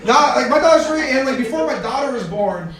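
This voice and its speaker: High-voiced comedian, echoey club. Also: male voice, brisk, recorded from a distance. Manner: crude, deadpan punchlines with crowd banter. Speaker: stand-up comedian. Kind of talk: stand-up comedy set. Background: audience laughter.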